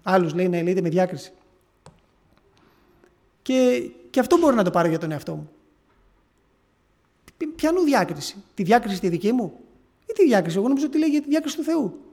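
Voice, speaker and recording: A man preaching, retelling a story in an earnest, halting way with frequent restarts. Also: high voice, big pitch swings, darkish tone. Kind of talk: sermon testimony.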